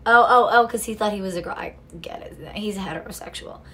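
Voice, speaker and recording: A young woman offers casual, blunt true crime commentary from a small room at home, cursing freely, throwing in sarcastic asides and often restarting her sentences. Her mid-range voice is brisk and fairly bright.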